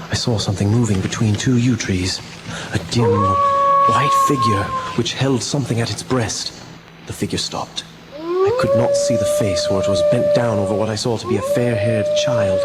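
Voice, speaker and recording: A man plays a haunted doctor in a gothic radio play. His voice is low and earnest, recounting horror with measured, deliberate drama. The recording is clearly noisy. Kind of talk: dramatic first-person radio drama narration.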